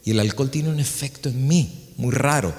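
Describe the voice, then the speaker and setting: A man voicing a remorseful middle-aged church elder who confides in a low, subdued tone. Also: normal speed, darkish tone, big-room sound, close to an everyday voice. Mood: confessing.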